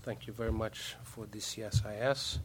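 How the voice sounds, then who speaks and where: A man's voice: lowish voice, steady tone, moderate pace, slight background noise. A Brazilian man, a native Portuguese speaker, giving formal remarks as a diplomat in broken English, hesitating often and repeating words.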